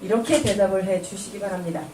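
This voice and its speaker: A woman's voice: mid-range voice, steady tone, fast talker, mellow. A woman interpreting a sermon into Korean, speaking to the congregation in a polished, explanatory way. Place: church sanctuary. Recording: echoey church hall, distant mic.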